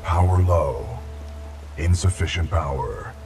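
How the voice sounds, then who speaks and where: Power-drained giant war robot: very low, flat, clipped machine readouts while it reboots, heard from a distance. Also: male voice, slow pace, gravelly, loud music behind the voice, heavily acted. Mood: flat, mechanical. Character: giant male combat robot, calm and logical. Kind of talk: video game voice acting.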